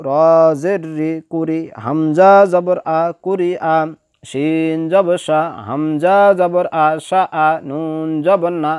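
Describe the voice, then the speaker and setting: Slow, clear-voiced man teaching Quran letters. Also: on the high side, a little mellow, dry recording, studio quality. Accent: Bangladeshi Bengali. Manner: patient, repeats each syllable, asks and answers his own questions. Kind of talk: slow spelling-out lesson, drilling letters and vowels.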